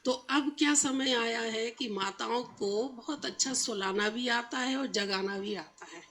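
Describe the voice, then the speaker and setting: A woman's voice: on the high side, measured pace, fairly bright tone. Woman giving a spiritual talk. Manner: asks the audience rhetorical questions. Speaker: Brahma Kumaris spiritual teacher. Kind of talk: spiritual talk to a live audience.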